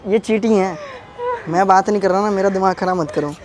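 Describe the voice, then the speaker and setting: A man's voice: high voice, brisk, darkish tone, a little hiss or hum. A prank vlogger man talking brusquely and sulkily while pretending to be angry, in a casual argument. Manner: sulky, brusque, feigning anger.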